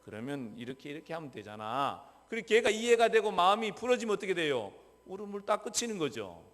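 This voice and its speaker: A man pastor preaching a sermon in a church, questioning the congregation and answering himself, dropping from loud emphasis to soft asides. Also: sits high, big pitch swings, quick pace. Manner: swings between loud emphasis and soft, near-whispered asides. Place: church sanctuary. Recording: long reverb of a church hall.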